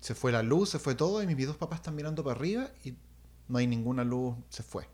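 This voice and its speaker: A young man telling a personal story in casual chat, animated and acting out sounds. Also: medium pitch, quick pace. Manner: animated, acts out voices and sounds, restarts.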